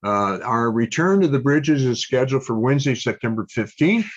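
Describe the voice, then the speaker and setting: Halting older man hosting a meeting. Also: mid-range voice, sing-song, lo-fi sound. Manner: halting, many ums and uhs. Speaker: meeting host. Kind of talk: club meeting announcements.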